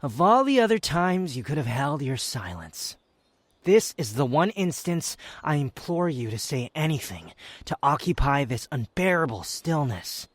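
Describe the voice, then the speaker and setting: A man performs a haughty young male wanderer with a sardonic edge, made for intimate roleplay audio. His phrasing is formal and halting, with lively, swooping intonation. The sound is close and very dry. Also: on the high side, no room sound. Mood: impatient, uneasy. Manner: haughty, formal wording, halting, sighs and scoffs. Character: aloof, proud, sardonic young male wanderer confessing reluctant affection. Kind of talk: intimate scripted roleplay ASMR, fan audio drama.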